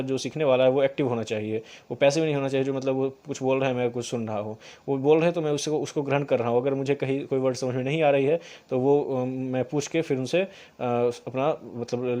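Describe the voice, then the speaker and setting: Man teaching in a slow, halting lecture. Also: medium pitch, mellow. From India. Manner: explains each English line slowly in Hindi; many fillers, repeats words. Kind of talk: exam-prep lecture.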